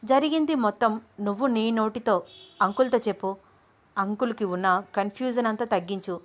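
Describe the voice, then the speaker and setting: A woman's voice: medium pitch, moderate pace, close to an everyday voice. A woman voicing an earnest, puzzled young man in love, in her own voice.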